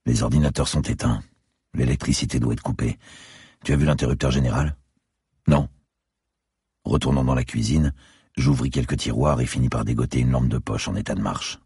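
A man reads a dark crime thriller in the first person at a measured, descriptive pace. His voice is extremely deep and gravelly, with a strongly husky texture. It is recorded close and dry, with no room sound. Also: steady tone, dry recording. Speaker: audiobook narrator.

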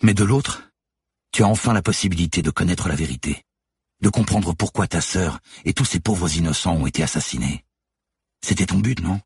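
A man's voice: very deep voice, fairly even intonation, moderate pace, pauses often, slightly rough, no echo, studio quality, heavily acted. A man voicing a weary young policewoman, firm and compassionate, speaking through tears. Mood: impassioned. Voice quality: tearful, insistent.

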